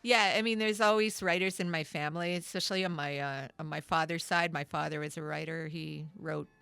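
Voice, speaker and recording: A woman's voice: low voice, fairly even intonation, fairly quick, creaky, sharp tone, clean tone, no echo. A middle-aged woman telling long, rambling stories as a guest in a casual radio studio interview, full of fillers and restarts. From Canada. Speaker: guest musician and writer.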